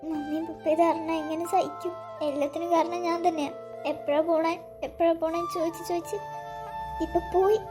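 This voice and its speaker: Woman doing a squeaky high young girl crying her heart out, music under it. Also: level tone, brisk. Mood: grieving. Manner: sobbing, pleading, breaking voice. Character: grief-stricken young woman, his sister.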